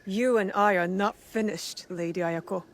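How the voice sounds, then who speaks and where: In a video game cutscene, an actress voices a determined, guarded young shinobi woman, speaking bluntly, tersely and resolutely. Her mid-range voice is close to an everyday one, with a steady tone, moderate pace and a little hiss or hum.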